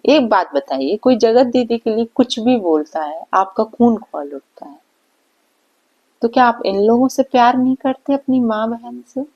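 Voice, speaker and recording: A woman's voice: fairly high pitch, animated, unhurried, dull audio. A woman vlogger giving a reaction commentary, scolding and indignant, firing off rhetorical questions. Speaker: vlogger reacting to online drama.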